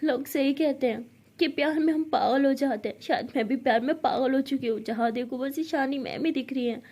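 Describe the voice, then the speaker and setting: A hurt young woman answers in sulky, sarcastic remarks, as a woman storyteller voices her. Her voice is high but soft. The sound stays mellow and warm. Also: brisk. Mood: wistful.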